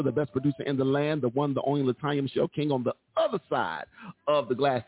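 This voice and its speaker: A man's voice: medium pitch, slightly rough. A man hosting a live call-in radio show, running through promos with repeated phrases for emphasis and folksy, church-flavoured asides. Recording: narrow, phone-like radio sound.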